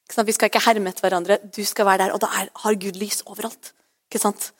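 A woman's voice: medium pitch, level tone. A woman pastor preaching a sermon in a chatty, conversational way, often asking "right?" and slipping English phrases in.

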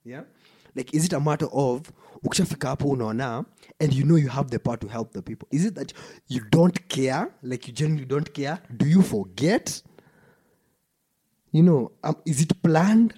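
A man with a husky voice and a Kenyan accent talks casually and emphatically, mixing English with Swahili slang and often restarting and repeating himself. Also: mid-range voice, animated, normal speed, warm tone. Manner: emphatic, stop-start delivery with repetition. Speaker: podcast co-host.

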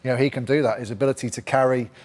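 Brief: male pundit, measured analysis, mid voice. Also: medium pitch, fairly even intonation, a little mellow. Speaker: studio pundit. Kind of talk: studio analysis.

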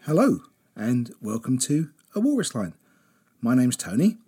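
A man's voice: mid-range voice, huge pitch swings, unhurried, warm tone, breathy edge, soft background music. A man hosting a comedic podcast with friends, slipping into a mock radio-presenter delivery, often stumbling and repeating words. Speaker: podcast host.

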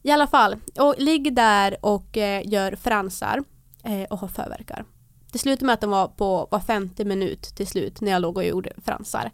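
A young woman in casual chat, telling a story lively and acting out what people said. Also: medium pitch, dry recording, clean studio sound. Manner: lively storyteller who acts out quotes.

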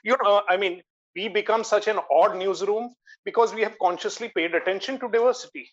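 A dull, lo-fi recording of a man with an Indian accent and a notably high voice. He speaks earnestly and emphatically in a panel discussion, repeating phrases to drive them home. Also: brisk. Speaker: magazine editor, guest. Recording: dull, lo-fi voice link.

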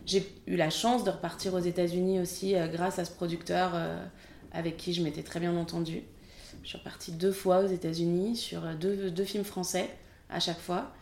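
A woman's voice: fairly low pitch, level tone, normal speed, gravelly, darkish tone, echoey room. A French woman in her thirties, a film assistant director, chatting candidly in an interview with many fillers. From France. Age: 30s. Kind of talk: casual interview.

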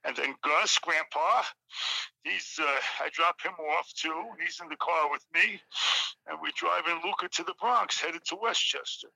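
A man calling in over a phone on speakerphone, telling stories in a casual, animated and jokey way. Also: a little high, moderate pace, creaky, no echo, poor audio. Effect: heard over a phone on speakerphone. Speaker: caller. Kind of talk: casual storytelling on a talk show.

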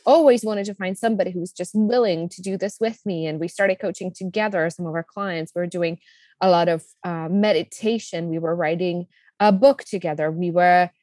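With a lowish, slightly mellow voice and a fairly quick pace, this Czech business coach in her thirties tells her story as a guest in a casual interview. She's enthusiastic and talkative, with a Czech accent and plenty of fillers, recorded dry.

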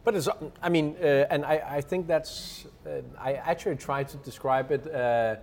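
A man's voice: a little high, fairly even intonation, normal speed, a little mellow, a little hiss or hum. A man hosting an interview over lunch, hesitant, with many uhs and repeated words. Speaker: podcast host.

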